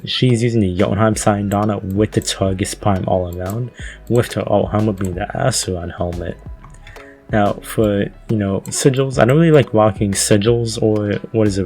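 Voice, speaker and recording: A man's voice: on the low side, dark tone. A man talking casually over a gaming video, loose and laid-back, with lots of fillers and the odd swear.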